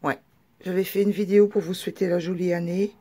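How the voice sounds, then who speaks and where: A woman's voice: lowish voice, steady tone, fast, mellow. A woman vlogger presenting her books in a chatty, hesitant way, full of fillers and restarts. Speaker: craft vlogger. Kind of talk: casual show-and-tell video.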